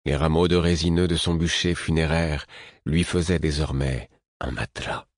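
A man with a husky voice reading a literary novel aloud in a measured, intimate first-person style. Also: rumbling low, steady tone, no echo, clean studio sound. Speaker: audiobook narrator. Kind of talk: scripted literary narration.

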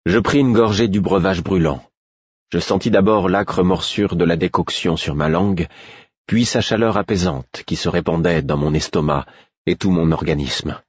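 A man reading a novel in the first person as an audiobook narrator, measured and steady. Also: low voice, husky, no echo, lo-fi sound.

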